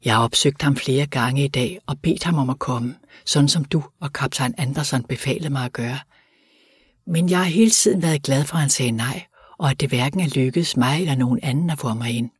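A man's voice: medium pitch, breathy edge, dry recording, studio quality, close to an everyday voice. A man reading as an indignant Salvation Army soldier. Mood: reluctant. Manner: pleading and indignant.

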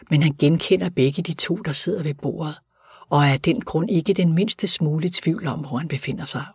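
A man narrating an audiobook in an even, measured reading. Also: fairly high pitch, slightly rough, no echo, studio quality. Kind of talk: scripted narration.

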